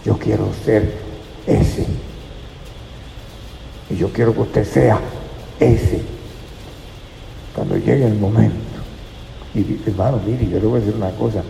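Gravelly-voiced preacher in an echoey hall. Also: male voice, fairly low pitch, fairly even intonation, normal speed, long pauses, dark tone, slight background noise. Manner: earnest, addresses listeners as brother. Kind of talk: sermon. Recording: echoey hall with faint ambience.

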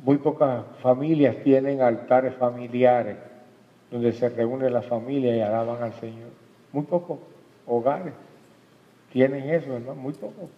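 A man's voice: medium pitch, fairly even intonation, a little slow. A man preaching a sermon, often turning to the congregation with questions and calling them brother. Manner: addresses the congregation directly with questions and "hermano". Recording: lo-fi recording with long hall reverb.

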